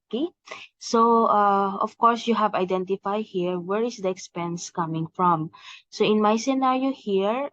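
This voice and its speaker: Giving a step-by-step software demonstration, a low-voiced woman presents a tutorial in a semi-scripted, instructional way, hesitating often and repeating "okay" and "please take note." Her screen-recording audio is slightly dull and lo-fi, with no room sound.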